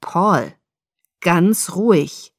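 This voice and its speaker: A woman voicing a calm, mature teenage boy who leads the group, speaking low and measured in an audiobook. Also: dry recording, studio quality. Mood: commanding. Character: calm, commanding older teenage boy, pack leader. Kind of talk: audiobook character voice.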